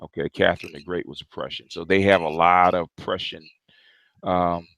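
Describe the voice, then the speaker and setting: Rambling man with a low voice. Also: fairly even intonation, moderate pace, vocal fry, a bit bright, low-quality recording. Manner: rambling, repeats and restarts words. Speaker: show host. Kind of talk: casual chat. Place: Long Island.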